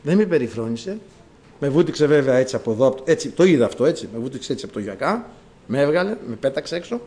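A man preaching a sermon in a church, swinging between quiet explanation and loud cries of praise, and reading scripture aloud in a slow formal cadence. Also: mid-range voice, very animated.

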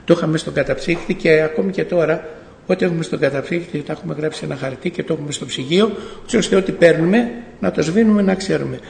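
A middle-aged man tells his faith testimony to a congregation in a gravelly, slightly high voice. He tells it like a story, acting out the dialogue and often correcting himself as he goes. The sound rings through a church hall with a long reverb. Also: a little mellow, slight background noise. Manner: storytelling, acts out dialogue, frequent self-corrections. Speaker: church member giving testimony.

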